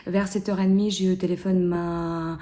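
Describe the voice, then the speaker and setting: A Ukrainian-accented woman in her thirties fumbles through interview answers, restarting and using lots of fillers. The delivery is flat, the pitch fairly low, and the tone dark.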